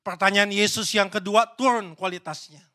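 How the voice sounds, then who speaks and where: A man preaching a sermon in a church. His voice sits high and sounds bright and forceful. He fires loud, emphatic questions at the congregation, then drops into hushed, low asides. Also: steady tone, normal speed. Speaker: pastor.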